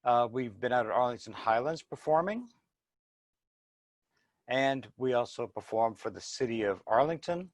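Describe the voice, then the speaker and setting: A man's voice: mid-range voice, lively intonation, moderate pace, long pauses, no echo. A man giving an informal sales presentation in a plain-spoken, explanatory way. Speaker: business presenter.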